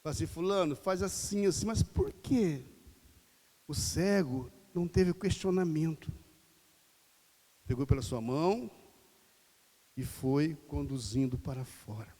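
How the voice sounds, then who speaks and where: Man, Brazilian pastor, preaching, rhetorical questions, high voice, long church reverb. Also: lively intonation, slow pace, pauses often, dark tone. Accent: Brazilian Portuguese. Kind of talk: sermon. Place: church hall.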